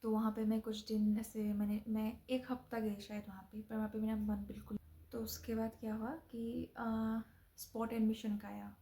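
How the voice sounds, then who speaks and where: A young adult woman from Assam, India, recounts a personal story in a casual, chatty way. Her fairly high voice is dark-toned and flat, at a moderate pace, with frequent fillers, restarts and English phrases mixed in.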